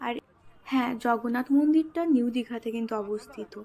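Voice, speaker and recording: Mellow woman narrating a temple visit. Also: fairly high pitch, a little fast. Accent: Bengali. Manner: calm, informative. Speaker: vlogger. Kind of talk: voice-over narration.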